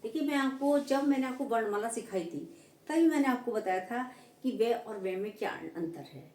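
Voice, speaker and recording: A woman's voice: fairly high pitch, expressive, moderate pace, a little mellow. Echoey woman teaching a lesson. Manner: explanatory, repeats "ठीक है" to check understanding. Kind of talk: Hindi grammar lesson. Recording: echoey room, voice from a distance.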